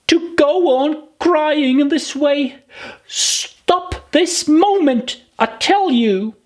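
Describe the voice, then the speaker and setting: High-pitched little girl Alice. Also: very slow. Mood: scolding. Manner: musing aloud to herself in exclamations. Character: young girl Alice, fretful, chatty, prim and bewildered.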